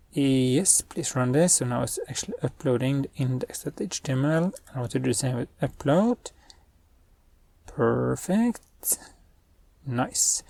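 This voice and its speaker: A young male web developer and channel host, a native Norwegian speaker, narrates a screen-recorded coding tutorial in a husky, mellow, mid-range voice. He thinks aloud while giving spoken commands, and the sound is dry and close with no echo.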